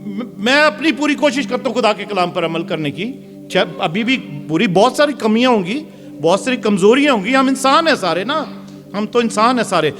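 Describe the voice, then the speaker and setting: A man preaching a sermon in a strained, very high register, pushing his voice loud and forceful from the pulpit. His words ring out with a long hall reverb. Soft music plays behind him. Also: lively intonation. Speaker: pastor. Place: church hall.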